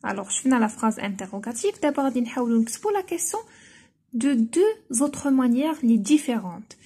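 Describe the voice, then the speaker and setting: Moroccan woman teacher, high husky voice, slow patient explanations. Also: mellow. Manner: slow, deliberate teacher talk, mixing French with Moroccan Arabic. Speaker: primary school teacher. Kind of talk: explaining grammar exercises.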